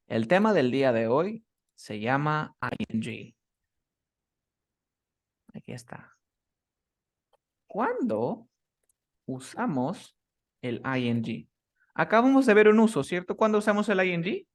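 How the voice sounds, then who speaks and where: A man's voice: fairly high pitch, very animated, slow pace, long pauses. A man teaching English grammar in a one-on-one class, explaining rules step by step and checking often that his student follows. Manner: patient, keeps checking understanding with short questions.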